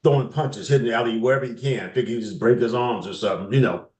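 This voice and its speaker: A man's voice: medium pitch, fast, a little mellow. Musing man in a roomy room. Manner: questioning, musing, eats while talking. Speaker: co-host. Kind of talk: casual sports chat. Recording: roomy echo.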